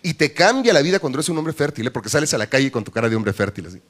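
A man with a Mexican accent doing a bawdy stand-up comedy routine on a live stage, jumping into shrill high voices for punchlines. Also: big pitch swings, rapid-fire, a bit bright. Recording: live stage with audience crowd and noise.

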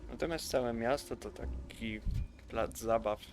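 A man's voice: medium pitch, measured pace, darkish tone, soft background music. A man giving chatty, rambling, enthusiastic commentary over gameplay. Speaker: gaming youtuber.

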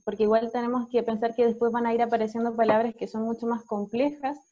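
A woman's voice: fairly high pitch, steady tone, fast, warm tone, highs cut off. A Chilean woman teacher patiently explaining phonics to parents, often checking in with "ya?". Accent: Chilean Spanish.

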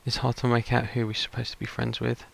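A man with a creaky voice giving casual playthrough commentary as a gaming video host. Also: mid-range voice, monotone, fast, very noisy. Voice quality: creaky, gravelly.

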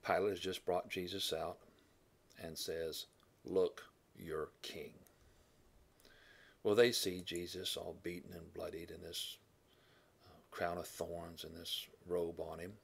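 A man teaching a Bible lesson in a classroom style, thinking aloud with fillers, correcting himself and often clearing his throat. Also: sits low, level tone, unhurried.

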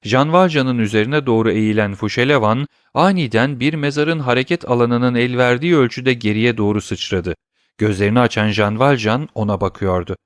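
A man reading a classic novel aloud as an audiobook narrator, in a steady, measured way. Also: medium pitch, no room sound, clean studio sound.

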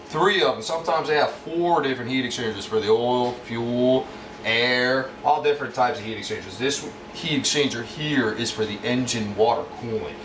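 A man working as a marine mechanic, explaining an engine repair in a casual, plain-spoken how-to walkthrough. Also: medium pitch. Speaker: marine mechanic showing his work. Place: yacht engine room, indoors. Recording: echoey engine room, distant from mic, steady machine hum.

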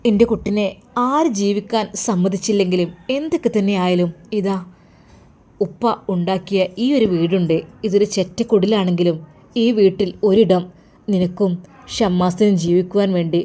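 A woman's voice: mid-range voice, normal speed, mellow, natural voice. A woman voicing a loving, emotional older father who comforts his daughter in an earnest, pleading way. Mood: tender.

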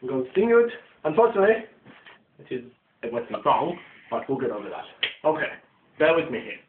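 A man putting on a loud, crude foreign man with a Middle Eastern accent, ranting insults in an amateur comedy skit. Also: medium pitch, very animated, fairly quick, roomy sound, distant mic, phone-quality sound, noisy background, lightly acted. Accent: put-on Middle Eastern. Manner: rude, ranting, mock-pompous.

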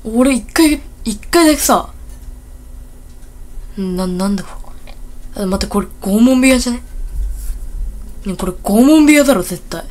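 A woman hosting a casual gameplay video, rambling and excitable with blunt, rough speech, talking a little thickly from a bitten tongue. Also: a little high, unhurried, long pauses, a little hiss or hum. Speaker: gaming video host.

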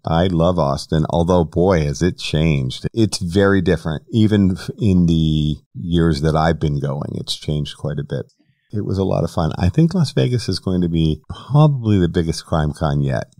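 Deep-voiced male podcast host, dry sound. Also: expressive, normal speed, dark tone, no echo. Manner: long-winded, careful explanations. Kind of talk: casual interview talk.

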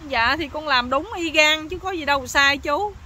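A naive, downcast young husband, as a woman storyteller puts him on, pleading mournfully in a Southern Vietnamese accent. His voice sits high and bright. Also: moderate pace, a little hiss or hum.

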